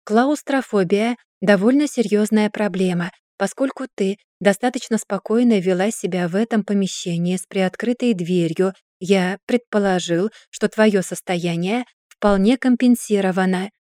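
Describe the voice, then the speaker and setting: A woman reading a storybook voices a polite male robot assistant who explains things calmly and courteously. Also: mid-range voice, normal speed, hardly any pauses, no room sound, clean studio sound, close to an everyday voice.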